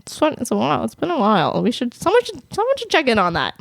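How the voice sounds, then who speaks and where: A woman's voice: a little high, wildly swooping pitch, fast, vocal fry, no room sound, studio quality. A young woman with a New Jersey accent hosting a podcast in her bedroom, chatting casually and laughing often. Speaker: podcast host. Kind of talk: casual chat.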